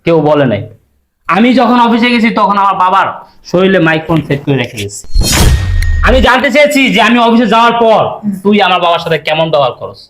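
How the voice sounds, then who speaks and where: A man's voice: high-pitched, very animated, fast, background noise. A young man, playing an enraged husband who accuses his wife. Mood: furious. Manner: agitated, accusing. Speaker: actor playing an angry husband. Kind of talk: melodramatic short-film acting.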